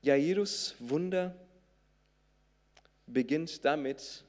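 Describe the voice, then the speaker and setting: A man from southern Brazil, preaching a sermon, swinging between loud emphatic peaks and soft intimate lines. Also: a little high, extremely slow. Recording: long reverb of a large hall.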